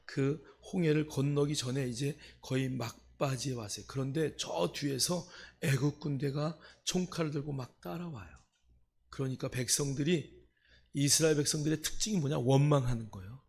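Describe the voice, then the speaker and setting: A man preaching a sermon as pastor, swinging from hushed asides to loud, emphatic calls. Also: medium pitch, moderate pace, gravelly, a little hiss or hum.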